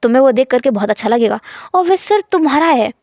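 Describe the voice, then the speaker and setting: A woman voicing a cold, teasing, dominant young husband in a storytelling fan fiction, speaking low, calm and insistent. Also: quick pace, no room sound, studio quality.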